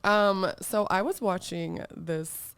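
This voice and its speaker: A woman's voice: medium pitch, slow pace, gravelly, fairly bright tone, clear, resonant tone, dry recording, clean studio sound. A woman in her thirties hosting a podcast, chatting in a bubbly, giggly way with lots of filler words and casual swearing. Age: 30s. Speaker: podcast host.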